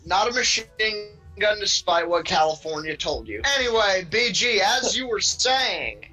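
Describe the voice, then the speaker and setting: A man joking crudely in a casual podcast chat, halting over his words. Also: high-pitched, very animated, pushed and bright, soft background music, poor audio.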